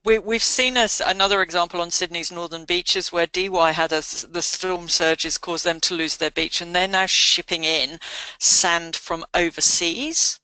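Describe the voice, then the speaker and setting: A woman co-hosting a coaching call, measured and explanatory as she adds examples. Her voice is bright and forceful, her pitch mid-range, recorded close and dry. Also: steady tone, clean tone, no echo. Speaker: travel researcher and co-host. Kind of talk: casual explanatory chat.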